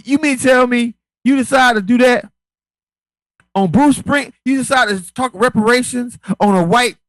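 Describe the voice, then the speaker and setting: Casting: high-pitched male co-host, emphatic repetitive rant, dry close mic. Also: normal speed, a bit bright, dry recording, rough recording. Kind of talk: casual political chat.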